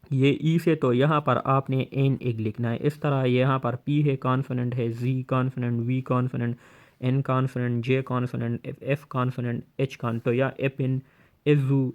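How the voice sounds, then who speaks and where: A man with a Pakistani accent teaching a schoolbook lesson, explaining in a relaxed way, reading English lines slowly and counting aloud, with many hesitation fillers. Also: mid-range voice.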